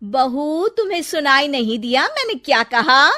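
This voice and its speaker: Bossy mother-in-law done by a woman: loud scolding, fairly high voice, storybook drama. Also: steady tone, normal speed, natural voice. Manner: scolding, raises her voice. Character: harsh bossy middle-aged female mother-in-law.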